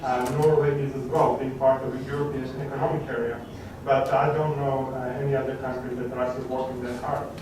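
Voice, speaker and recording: A man's voice: medium pitch, little pitch movement, fairly quick, few pauses. A man from Croatia, answering audience questions at a conference in a hesitant way, with many fillers and restarts. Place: large conference hall. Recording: echoey hall from a distant mic, background noise.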